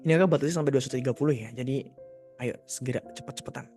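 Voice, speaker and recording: A man's voice: mid-range voice, rapid-fire, mellow, soft background music. A man mentoring young people in a live question-and-answer session, reading out questions and giving casual, direct advice. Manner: casual, direct advice-giving, mock voices when quoting.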